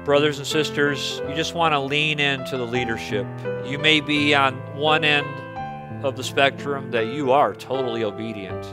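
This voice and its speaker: A man's voice: mid-range voice, normal speed, music in the background. A man preaching as pastor at a pulpit microphone, earnest and pleading, often repeating words as he leads a prayer in a church. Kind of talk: sermon and closing prayer. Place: church sanctuary.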